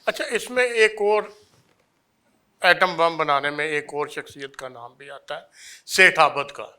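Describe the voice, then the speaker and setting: Bright-voiced male interviewer. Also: a little high, clear, resonant tone. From Pakistan. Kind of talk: brief prompts and questions.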